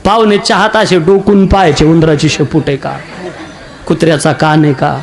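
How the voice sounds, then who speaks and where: A man with a high, bright-sitting voice leads a comic kirtan sermon. He jokes with the old women in the crowd and slips into quick acted exchanges between husbands, wives and guests. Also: steady tone. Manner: jokey, addresses elderly women in the audience, acts out dialogue. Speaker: kirtan preacher.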